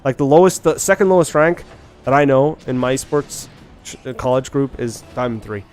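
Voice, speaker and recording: Animated and brisk, this young Irish man's mid-range, slightly mellow voice carries a casual game-stream chat full of restarts, questions and thinking aloud. Faint beats sit in the background.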